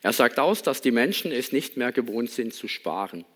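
A man's voice: medium pitch, animated, moderate pace, a bit bright, breathy edge. A man giving a sermon in a reflective manner, asking many rhetorical questions and reading a Bible passage. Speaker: pastor.

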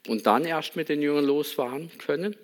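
A man's voice: fairly high pitch, moderate pace, a little hiss or hum. German man preaching a sermon. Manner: reflective, asks many rhetorical questions. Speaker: pastor.

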